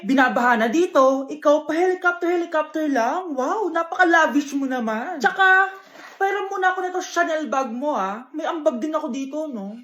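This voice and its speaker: A woman performing short comedy skits alone, switching between shrill, dramatic and soft voices. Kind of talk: comedy skits, playing many roles.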